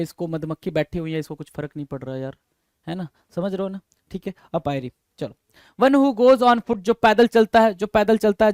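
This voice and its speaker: Male exam-prep vocabulary teacher, high-pitched, casual, repeats and spells terms, dry close recording. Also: no room sound. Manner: repeats words and spells them out letter by letter; quizzes listeners with rhetorical questions.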